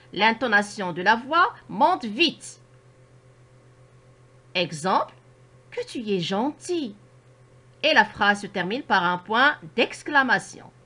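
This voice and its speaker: Slow, lively high-voiced woman teacher. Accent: Moroccan French. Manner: slow, carefully articulated explanations. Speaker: primary school teacher. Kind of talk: grammar lesson narration.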